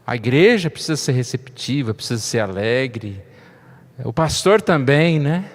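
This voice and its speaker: A man's voice: mid-range voice, expressive, measured pace. A man preaching a sermon as pastor, chatty and joking, checking in with his listeners often. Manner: conversational, frequent tag questions, light humor. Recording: long reverb of a church hall.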